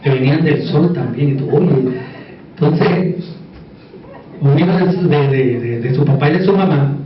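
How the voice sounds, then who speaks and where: A man's voice: fairly high pitch, moderate pace. Male conference speaker, Puerto Rican Caribbean Spanish accent, conversational and emphatic through repetition; very roomy sound with faint noise. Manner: conversational, repeats words for emphasis, seeks agreement. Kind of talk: informal conference lecture with asides. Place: echoey indoor conference room. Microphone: distant microphone. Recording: echoey room, distant dull mic, faint noise.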